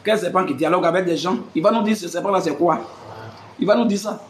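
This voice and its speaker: A man's voice: high voice, fast, a little hiss or hum. A man hosts a live religious debate, asking rhetorical questions and repeating "hein". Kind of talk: live stream preaching to followers.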